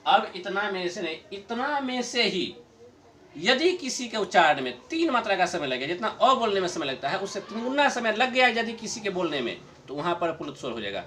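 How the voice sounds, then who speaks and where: A middle-aged man teaching a grammar lesson to a class, explaining slowly, repeating his points and chuckling often. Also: high voice, big pitch swings, sharp tone.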